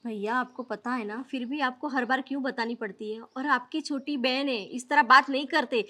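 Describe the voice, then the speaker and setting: A woman's voice: sits high, steady tone, normal speed, pushed and bright. An actress playing an earnest young woman who reasons with and pleads to her brother-in-law. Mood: pleading. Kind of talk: scripted family drama acting.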